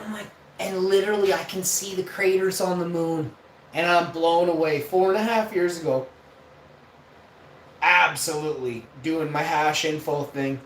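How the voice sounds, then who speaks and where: A man in his forties telling a rambling, profane story in a casual vlog. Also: on the high side. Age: 40s. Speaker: vlogger host. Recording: roomy, distant mic, faint noise.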